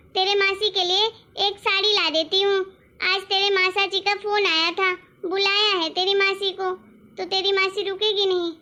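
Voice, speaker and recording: In a family cartoon, a woman voices a doting old mother-in-law who fusses and scolds out of love. The voice is very high and bright, almost girlish, and insistent. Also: heavily acted. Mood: warm. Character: loving elderly mother-in-law, doting and firm. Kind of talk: cartoon story voice acting.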